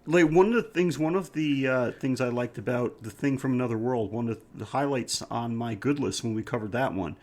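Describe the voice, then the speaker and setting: A podcast host with a medium-pitched, darkish voice chats casually about film, reviewing it in an enthusiastic, rambling way. He talks briskly with few pauses.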